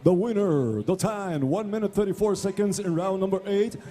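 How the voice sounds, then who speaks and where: A high-voiced male ring announcer with a mellow tone delivers formal bilingual fight announcements. He booms like a lucha libre announcer, drawing out names, with music behind him. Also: moderate pace.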